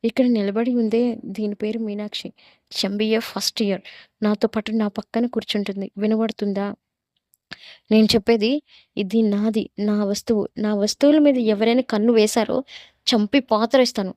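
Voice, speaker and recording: A woman's voice: fairly even intonation, moderate pace, darkish tone, no echo, clean studio sound, lightly acted. Rudra, a woman doing a menacing young college tough. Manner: low menacing growl, threatening. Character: arrogant young male college tough, possessive.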